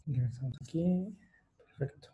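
A man with a Mexican accent lectures online at a slightly slow pace, his medium-pitched voice warm but the audio dull. His style is explanatory and step by step, full of fillers and tag questions.

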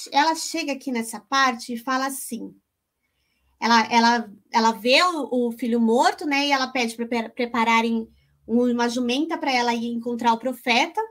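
A woman's voice: fairly high pitch, moderate pace, fairly bright tone. A woman talking casually about a Bible story and her own life, chatty and emotional, calling her listeners "gente". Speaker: co-host.

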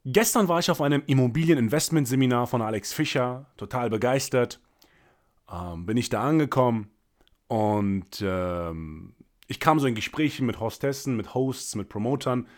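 A man in his thirties, a sales trainer, telling a story straight to his listeners in an animated, emphatic way. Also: medium pitch, moderate pace. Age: 30s. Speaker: sales trainer and business owner. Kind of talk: anecdotal monologue to listeners.

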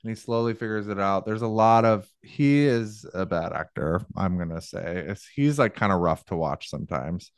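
A man's voice: fairly low pitch, animated, moderate pace, few pauses, clean tone, no room sound, clean studio sound. A young man co-hosting a podcast, chatting casually about movies in a rambling way, full of fillers. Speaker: podcast co-host.

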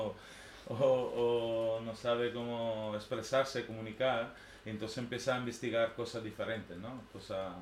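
This artist, a man in his thirties and a native Italian speaker from northern Italy with an Italian accent, talks in a medium-pitched voice. His informal, unscripted personal talk is hesitant and meandering, with frequent tags asking for agreement. It's recorded in an echoey room with faint background noise.

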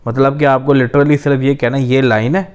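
A man's voice: medium pitch, flat delivery, darkish tone, smooth. A man from Pakistan hosting a podcast, chatting casually and explaining things, with English phrases mixed into his talk. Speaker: podcast host. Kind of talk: casual chat.

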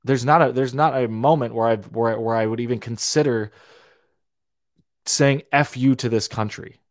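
In a mid-range voice at normal speed, a young Romanian podcast host launches into a heated, opinionated monologue. He rants, stumbles into repeats and restarted words, and uses profanity freely. The sound is dry and close-miked, with no echo.

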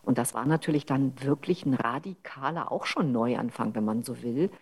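Low husky woman from berlin, middle-aged, telling her story in an interview, very fluent. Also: moderate pace, a little mellow. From Berlin, Germany. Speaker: interview guest, coach and author. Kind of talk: conversational interview.

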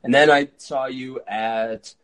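A man in his early thirties hosting a podcast interview, eager and quick, with frequent fillers. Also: mid-range voice, steady tone, low-quality recording. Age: 30s. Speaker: podcast host. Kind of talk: conversational interview.

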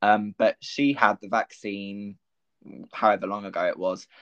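A young man hosts a podcast in casual chat, telling stories in a chatty, animated way with lots of fillers. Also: fairly low pitch, normal speed, dull audio. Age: young adult. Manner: chatty, animated storytelling with frequent fillers and laughs. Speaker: podcast host.

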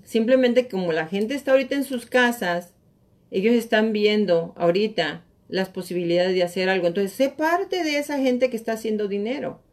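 A woman, speaking at a middle pitch, hosts a live real estate show. She tells stories with animation and acts out her friends' words. She keeps urging her viewers on in a motivational pep talk. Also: moderate pace.

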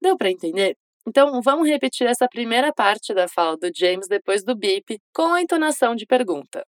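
A woman giving a scripted English lesson, modeling phrases slowly and encouraging the listener to repeat. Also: on the high side, animated, no echo. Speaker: English teacher.

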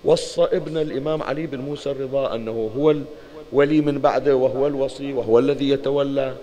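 A man's voice: mid-range voice, steady tone, fast talker, mellow, close to an everyday voice. A man voicing a sorrowful woman witness. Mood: earnest. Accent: Bahraini Arabic. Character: grieving older woman giving witness.

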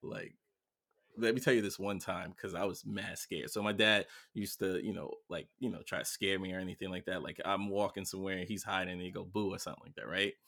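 Gravelly-voiced man telling a story. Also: low voice, fast. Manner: animated storyteller, acts out his own shouts. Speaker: podcast co-host. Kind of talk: casual chat.

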